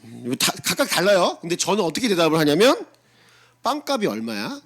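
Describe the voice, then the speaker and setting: A middle-aged man, the senior pastor, giving a conversational sermon to his congregation, asking them rhetorical questions and acting out his own blunt replies in quick asides. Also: sits high, very animated, a bit bright, husky.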